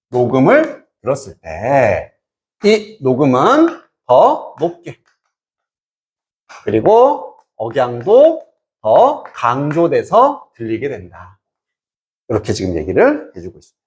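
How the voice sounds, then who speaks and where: A Korean-speaking English teacher explaining a reading passage to students. Reads English phrases slowly, translates them, and often checks in with rhetorical questions. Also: medium pitch, huge pitch swings, a little mellow.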